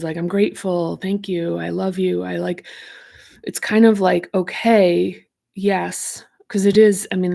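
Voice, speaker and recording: A woman's voice: on the low side, gravelly, darkish tone. A woman, a self-help author, talking loosely through ideas from her own book, with lots of fillers as she searches for words. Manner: rambling and searching, heavy on fillers.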